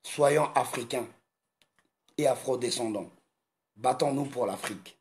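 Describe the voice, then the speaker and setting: A man from Congo delivering an impassioned monologue in a slow, emphatic, repetitive manner. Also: medium pitch. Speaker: video commentator.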